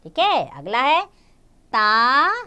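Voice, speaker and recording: A young woman teaching a Hindi lesson to small children. She draws out each word slowly, repeats it, and coaxes them with questions. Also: on the high side, expressive, bright, forceful tone, clean tone. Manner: drawn-out syllables when modelling words, repeats each word twice. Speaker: primary school Hindi teacher.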